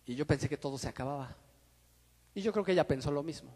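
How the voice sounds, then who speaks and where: A middle-aged man preaching a sermon, swinging between loud and soft and calling his listeners brother. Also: fairly high pitch, fast, big-room sound. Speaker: pastor. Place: church.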